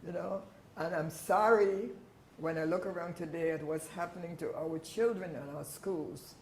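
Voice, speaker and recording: A man who works as a teacher, reminiscing in a reflective, deliberate and emphatic way. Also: on the high side, fairly even intonation. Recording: roomy echo, faint background noise.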